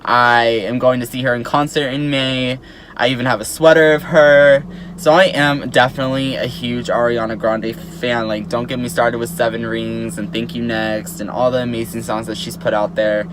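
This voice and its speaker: An eighteen-year-old YouTuber chats directly to his followers in a casual vlog to camera, constantly dropping "like" and "um." His middle-pitched voice is a bit bright, barely moves in pitch, and keeps a normal speed over a faint hum of background noise.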